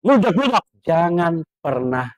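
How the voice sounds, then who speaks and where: A man preaching to boarding-school students. He acts out scolding parents with sound effects and swings from loud raised lines to low hushed asides. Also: very animated, moderate pace, no room sound. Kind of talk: sermon to students.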